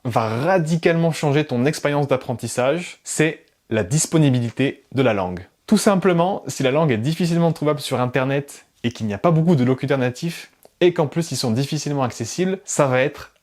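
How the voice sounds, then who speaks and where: A man from France explaining language learning in a casual, lively way, with frequent laughs and playful asides. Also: a little high. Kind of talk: casual explanatory talk to camera.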